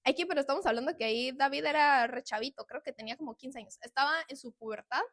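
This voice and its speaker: A young woman, hosting a podcast and sharing an emotional, confessional faith testimony with soft laughs. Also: sits high, fast talker, no echo, studio quality. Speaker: podcast host.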